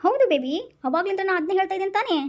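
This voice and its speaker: A woman's voice: very high-pitched, big pitch swings, rapid-fire, slight background noise. A woman voicing an exasperated young wife in a comic skit, soothing and scolding her husband.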